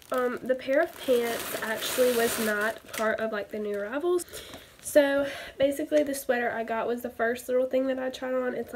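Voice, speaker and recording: A woman's voice: high voice, background noise. A teenage girl with a Southern American accent, chatting casually through a haul vlog from her bedroom, filling every sentence with "like". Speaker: vlogger. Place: bedroom, indoors. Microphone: webcam at desk distance.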